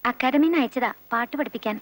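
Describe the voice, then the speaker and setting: An actress playing a curt, matter-of-fact music teacher in a film comedy. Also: female voice, a little high, fast talker, natural voice. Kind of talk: 1990s film comedy dialogue.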